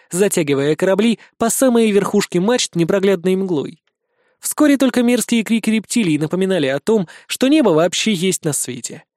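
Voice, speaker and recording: A man narrating a children's fantasy audiobook in an even, storytelling manner on a close mic. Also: sits high, no room sound.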